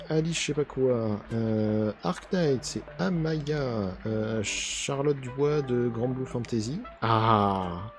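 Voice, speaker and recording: Man, card unboxing host, casual commentary, grumbly and mock-angry, slow unhurried delivery, soft music underneath. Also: medium pitch.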